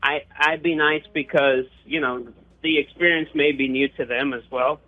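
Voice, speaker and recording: A man's voice: fairly high pitch, steady tone, moderate pace. Young man on a tinny line. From Puerto Rico. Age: young adult. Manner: hesitant, with frequent restarts and fillers. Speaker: interviewee. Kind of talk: casual personal storytelling. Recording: tinny phone-like line with faint guitar music.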